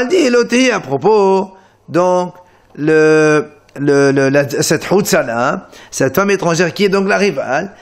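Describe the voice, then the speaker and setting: A man teaching a Talmud page to his students. His voice sits a little higher than most men's. He explains with animated emphasis and keeps restarting his sentences. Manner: animated explanation, many restarts, Hebrew terms. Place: Marseille study center.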